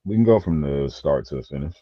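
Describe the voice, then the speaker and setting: A man co-hosting a podcast in casual chat, slangy and excitable. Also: rumbling low, fast, no echo, dull audio. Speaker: podcast co-host.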